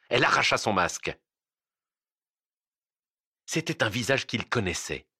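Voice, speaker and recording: A man narrating an audiobook in an expressive, dramatic reading on a close mic. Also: medium pitch, husky, no echo.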